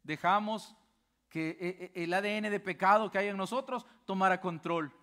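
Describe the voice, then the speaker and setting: Male pastor with a high voice, preaches with passion and fires rhetorical questions, dropping quiet and then getting loud. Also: moderate pace. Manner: swings between low hushed stretches and loud emphatic ones. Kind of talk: sermon.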